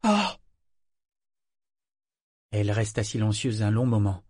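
Slow, measured male audiobook narrator. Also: on the low side, darkish tone, no echo, clean studio sound. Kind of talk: scripted narration.

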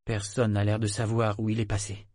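An earnest young boy explains things gravely and carefully, voiced by a man reading a novel. The voice is lifted somewhat above the reader's own. The reading is dry and close to the mic. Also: fairly low pitch, monotone, brisk, a little mellow, no room sound, natural voice.

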